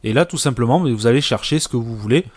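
Man presenter, relaxed casual tutorial, plenty of pauses and fillers, dry close sound. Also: medium pitch, no room sound. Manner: relaxed, many filler hesitations. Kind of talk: casual screen-recorded tutorial.

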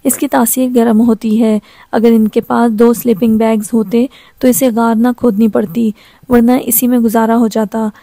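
A woman reads a novel aloud in a measured, even way. Her voice sits fairly high but hardly moves in pitch, with a mellow, dark tone. The recording is close and dry. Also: no echo. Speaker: audiobook narrator. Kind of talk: scripted novel narration.

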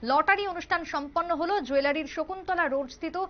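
A young woman presenting live television news, pausing now and then as she goes. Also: extremely high pitch. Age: young adult. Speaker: news anchor. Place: TV news studio. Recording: slightly dull, lo-fi broadcast audio.

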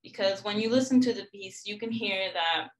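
A young woman gives a student lecture on a song cycle, pointing out highlighted passages in the score as she goes. Her voice sits at an ordinary middle pitch, and her delivery is explanatory and academic. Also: normal speed, poor audio. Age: young adult. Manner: explanatory, walking through a score. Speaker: music student presenting a lecture recital. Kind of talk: academic presentation.

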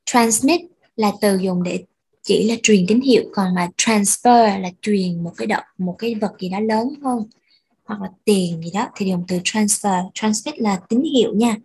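A woman's voice: medium pitch, a little slow, a little mellow, husky, low-quality recording. A woman teaching English vocabulary, explaining patiently and repeating words for pronunciation. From Vietnam. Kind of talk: bilingual language lesson.

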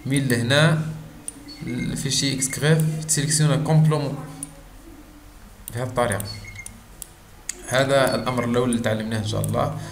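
A man with an Algerian Arabic accent giving a screen-recorded software tutorial, pausing often on drawn-out fillers and mixing in French terms. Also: mid-range voice, steady tone, vocal fry. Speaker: software instructor. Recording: roomy echo with faint background noise.

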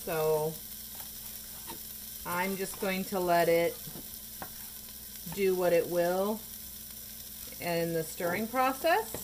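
A woman chats her way through a recipe in her own home kitchen, unhurried and drawn out, tossing in wry comments between steps. She is picked up by a camera mic over the stove, with frying and stirring sounds clearly audible underneath. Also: on the low side, background noise. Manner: chatty, wry asides while stirring. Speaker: home cooking vlogger. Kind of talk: casual cooking narration.

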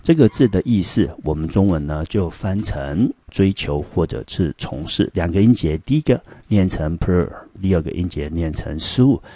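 A man from Taiwan with a Taiwanese Mandarin accent, teaching English vocabulary and grammar in a recorded lesson. He leans on "好" and "呢" as fillers and spells words slowly, syllable by syllable. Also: dark tone, husky, dry recording. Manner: frequent fillers "好" and "呢", rising pitch on prompts, slow syllable-by-syllable spelling. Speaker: high school English teacher.

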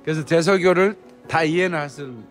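A man's voice: on the high side, a little fast, soft background music. A man in his fifties, a pastor, conducting a casual conversational interview indoors with a handheld phone as microphone. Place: indoor hotel lobby lounge.

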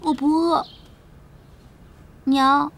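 A woman's voice: high voice, fairly even intonation, extremely slow, full character voice. An actress playing a stubborn young woman, tearful and sobbing, in a period martial arts film. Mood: subdued. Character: young woman grieving a lost suitor, stubborn.

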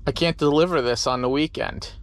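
A trucker in his forties rambles easygoingly to a camera he holds at arm's length, starting outside at a truck stop and moving into his cab. His voice is fairly high and fairly quick, and he fills this casual vlog with lots of fillers.

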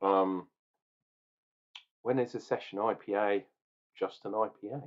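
A man's voice: lowish voice, steady tone, a little slow. A man in his forties reviewing a beer at home, talking casually to a webcam in an opinionated, rambling, jokey way. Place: small room at home, indoors. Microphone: webcam at desk. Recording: dull lo-fi webcam sound.

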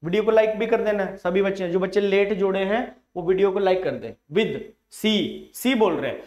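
A man teaching a live online exam-prep class, coaxing his students and calling them "beta", drawing English phrases out slowly. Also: sits high, darkish tone, reverberant.

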